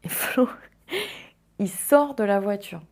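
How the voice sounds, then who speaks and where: A young woman from western France hosting a podcast, telling a personal story in a casual, animated way, with lots of fillers and restarts. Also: mid-range voice, slow pace. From Vendée, France. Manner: animated, tumbling speech with frequent fillers and restarts. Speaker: podcast host.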